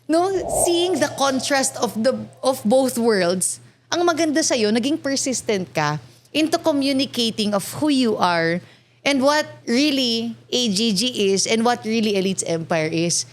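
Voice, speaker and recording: Woman host, raised pitch, mixing English in. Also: lively intonation, unhurried. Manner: soft murmured agreements, mixes in English phrases. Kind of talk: casual interview.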